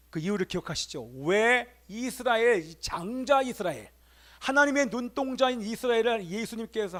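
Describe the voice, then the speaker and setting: A middle-aged male pastor giving a Sunday sermon in a church, preaching with emphatic rises and calling out to the congregation. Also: high voice. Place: church sanctuary.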